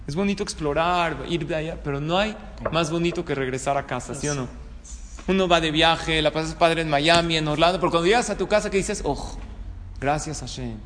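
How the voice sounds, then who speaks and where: A male rabbi from Mexico, with a Mexican Spanish accent and a higher-pitched, fairly bright voice, gives an informal sermon full of anecdotes. He keeps it conversational, checking in with listeners through rhetorical questions. The hall echoes, and room noise is clearly audible.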